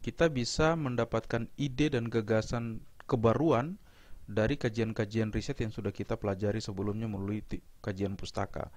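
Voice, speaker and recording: A middle-aged man, a university lecturer, explaining step by step in a measured recorded lecture, with small fillers and restarts. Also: fairly low pitch, fairly even intonation, a little mellow, no room sound.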